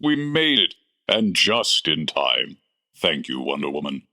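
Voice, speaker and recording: An actor playing a hearty, earnest old Santa in a radio adventure, declaiming slowly. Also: male voice, rumbling low, very animated, pushed and bright, heavily acted. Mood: grateful.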